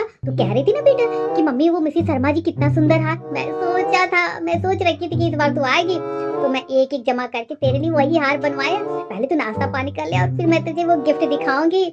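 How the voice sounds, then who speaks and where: A woman's voice: sits high, moderate pace. A woman playing a nagging middle-aged mother-in-law who scolds her daughter-in-law and spoils her own daughter, in a comedy skit. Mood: doting. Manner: bossy, scolding. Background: background music.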